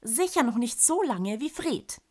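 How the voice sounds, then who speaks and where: A fond but bossy storybook aunt who scolds in a sharp, high voice, as a woman puts her on. She speaks slowly and draws out each word. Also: very animated. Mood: teasing.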